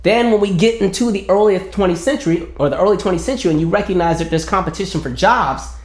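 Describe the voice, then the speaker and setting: A man's voice: sits high, fast. Earnest man in an echoey room. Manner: earnest, building arguments, acts out quoted voices. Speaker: commentary vlogger. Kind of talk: opinion monologue to camera.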